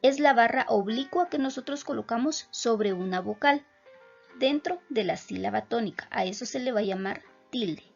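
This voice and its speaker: A woman teaching a recorded lesson, explaining in a clear, measured way. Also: a little high, animated, lo-fi sound, soft background music.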